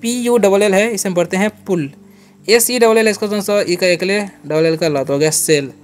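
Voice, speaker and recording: A man's voice: high voice, moderate pace, faint music behind. A man teaching English words, spelling each one letter by letter and repeating every meaning as a drill. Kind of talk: phonics and vocabulary lesson.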